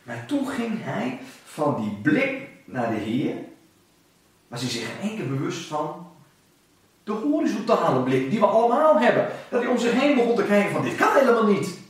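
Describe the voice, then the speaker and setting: A man's voice: big pitch swings, normal speed. Dramatic preacher man in an echoing hall. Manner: dramatic rises and drops in pitch and volume. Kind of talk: sermon. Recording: very echoey, from far off the mic.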